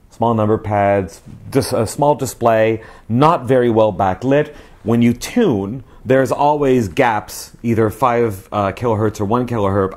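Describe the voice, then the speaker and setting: A man in his forties, host of a radio review show, delivers a casual review to camera in a chatty, emphatic presenter style. His lowish, slightly mellow voice is picked up by a lapel mic in a small indoor living room.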